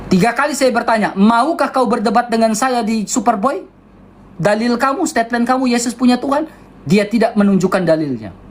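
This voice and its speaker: A man with an eastern Indonesian accent delivering a heated livestream rant in a loud, high-toned, insistent way. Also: slight background noise. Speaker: debater on a livestream.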